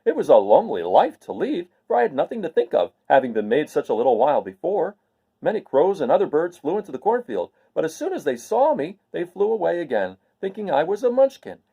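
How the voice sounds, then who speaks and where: A man's voice: high voice, big pitch swings, brisk, vocal fry, husky, lo-fi sound, voice pushed up, heavily acted. A man voicing a naive, earnest and cheerful scarecrow stuffed with straw in a storybook reading. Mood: wistful, eager. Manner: earnest, artless, wondering.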